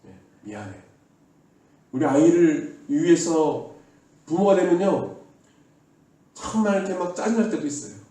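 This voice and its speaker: Recorded at a distance in an echoey church sanctuary, this pastor has a high, warm voice, a moderate pace and frequent pauses. He earnestly urges his congregation and leads them in call-and-response during his sermon.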